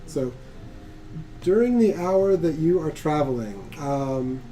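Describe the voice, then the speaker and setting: A man's voice: fairly high pitch, animated, slow, dark tone, soft background music. A man narrating as game master of a tabletop game, chatty and laughing often, with many restarts.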